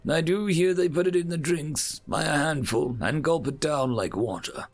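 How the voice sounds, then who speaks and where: A man's voice: a little high, normal speed, faint music behind, pitched above the performer's own voice, lightly acted. A man voicing a nervous male insectoid alien crewman who talks in an anxious, pleading way. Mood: uneasy.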